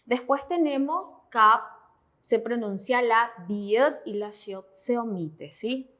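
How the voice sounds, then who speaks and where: A woman's voice: a little high, takes it slowly. A woman teaching Korean pronunciation in Spanish, methodical and often checking in with her students. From Paraguay. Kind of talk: classroom explanation.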